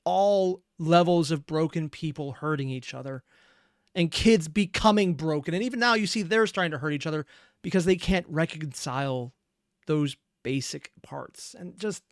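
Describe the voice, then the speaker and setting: On the high side, this man's voice is recorded cleanly in a studio without echo. Reacting to a fan dub as a video host, he speaks reflectively, earnestly and analytically, leaning on deliberate emphasis.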